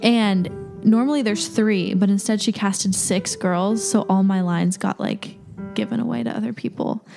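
A young woman guest on a podcast, telling a story in an animated, casual way. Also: mid-range voice, moderate pace, vocal fry, music in the background.

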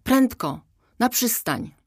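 A woman voicing a sensible, gentle little female flea in a children's audiobook. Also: a little high, big pitch swings, slow, slightly rough, no room sound, studio quality, voice pushed up, full character voice. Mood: earnest. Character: clever small female flea character.

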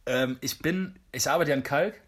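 A man's voice: medium pitch, moderate pace. Slangy man telling a wild story. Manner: animated slangy storyteller, says "Alter" a lot. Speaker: podcast co-host. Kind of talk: casual storytelling chat.

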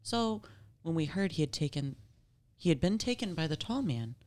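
A woman's voice: low voice, big pitch swings, moderate pace, a little mellow. A woman casually reading a scary story aloud, with playful, informal asides. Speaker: story reader.

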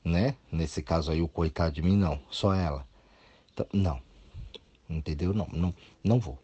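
A man's voice: low voice, normal speed, warm tone, breathy edge, muffled recording. A man, a therapist, giving a blunt motivational talk and mocking whiny voices of others.

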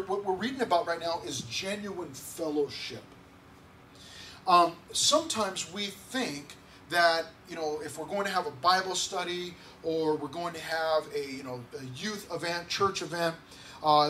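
Male pastor, high voice, easygoing sermon with restarts, faint hiss behind. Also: normal speed, sharp tone. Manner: conversational, repeats words, asks the congregation questions. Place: church sanctuary.

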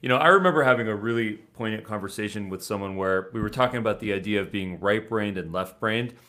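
An interview host who keeps the guest going with brief, encouraging reactions before moving into a reflective question. The voice sits at a middle pitch. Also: quick pace, fairly bright tone. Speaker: podcast host. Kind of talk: conversational interview.

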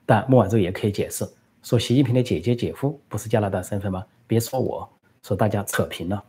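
A man's voice: fairly low pitch, fast, warm tone, slight background noise. A man giving political commentary and answering live questions, talking conversationally with many fillers.

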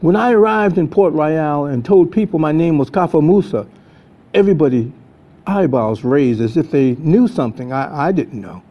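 Reading his own adventure story as a storyteller, an older man delivers dramatic scripted narration at a moderate pace in an expressive, higher-pitched voice. The audio is muffled and lo-fi.

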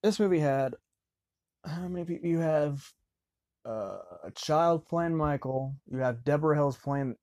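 A man's voice: on the high side, a little mellow, dry recording. Rambling man in a dry room. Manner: rambling, halting, restarts mid-sentence. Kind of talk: casual film commentary.

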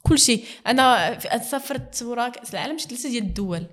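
Rapid and earnest, this Moroccan-accented woman talks as an interview guest, her speech running quickly and mixing in French terms. She keeps a casual chatting tone throughout. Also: a little high, lively intonation. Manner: earnest, mixes in French words.

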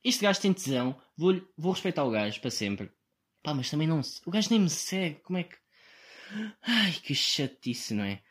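Speaking quickly in a husky, higher-pitched voice, this young European Portuguese-accented man carries a solo podcast monologue on his own. His style is rambling and lively, and he mocks others through sarcastic impressions.

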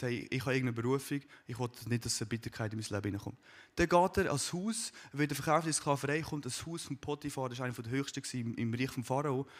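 A man preaching a sermon, retelling a Bible story informally and building to a loud, fervent appeal. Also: mid-range voice. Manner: informal storytelling, addresses listener as dear friend, builds to loud fervent climax.

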